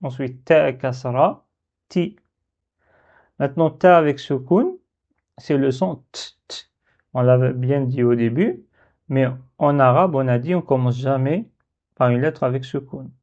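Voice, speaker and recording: Man, slow patient teacher, mellow tone, dull lo-fi audio. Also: mid-range voice. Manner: slow, repeats syllables for learners. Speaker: Arabic teacher. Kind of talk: step-by-step letter lesson.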